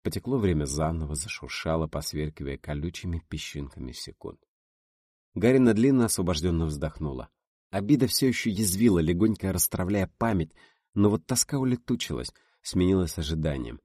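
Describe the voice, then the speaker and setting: Deep-voiced male audiobook narrator. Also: brisk, no echo, studio quality. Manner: expressive reading, voices for characters.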